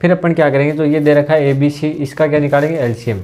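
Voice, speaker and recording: Teaching exam-prep maths for a recruitment test, this man has a fairly high but dark voice with little pitch movement. He repeats himself, walks through every step with questions, keeps asking if the class understands, and slows when dictating terms.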